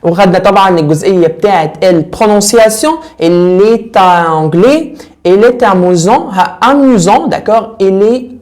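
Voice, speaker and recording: A young man with an Egyptian Arabic accent teaching French grammar in a casual, lively way. He keeps repeating words and putting questions to his students. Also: high-pitched, a little fast. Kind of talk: casual classroom lesson.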